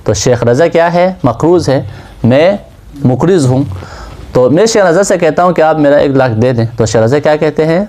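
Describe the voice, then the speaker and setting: Lively-voiced male seminary lecturer. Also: a little high. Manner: asks questions and answers them himself. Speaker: seminary teacher. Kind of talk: classroom lecture on Islamic law.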